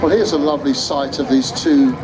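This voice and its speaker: A man's voice: on the high side, lively intonation, brisk. A man giving airshow commentary, announcing to spectators. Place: outdoor seafront airshow, heard over loudspeakers. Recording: outdoor public address, loud crowd noise. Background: loud crowd and aircraft.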